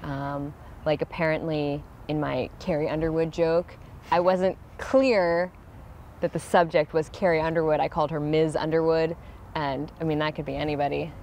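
A woman in her thirties talks casually and a bit nervously, poking fun at herself. Her voice sits fairly low. She is recorded outdoors on a clip-on mic, with faint background noise. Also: level tone, moderate pace, a little mellow. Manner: chatty, nervous, self-deprecating. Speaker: comedy student, interviewee. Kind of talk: casual interview chat. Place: outdoors on a bench beside a sidewalk.

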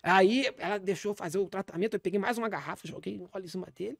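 Man playing a brazen Brazilian apostle, deadpan, rapid-fire delivery, dry close mic, rambling preachy asides. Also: sits high, creaky, dry recording. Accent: Brazilian Portuguese. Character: brash, shameless male pastor calling himself apostle. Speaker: comedian in character as a self-styled apostle. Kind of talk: deadpan comic character monologue on a podcast.

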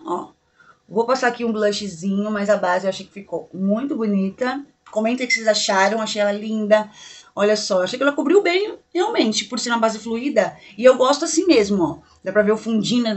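A woman from Brazil reviewing makeup on her home vlog, gushing and chatty, talking to viewers like friends, recorded in her bedroom. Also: fairly high pitch. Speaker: beauty vlogger. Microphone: camera mic in a bedroom.

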